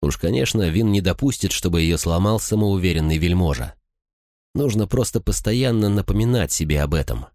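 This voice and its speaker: A man narrating an audiobook in an expressive storytelling manner. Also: low-pitched, brisk, dry recording, studio quality. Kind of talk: scripted narration.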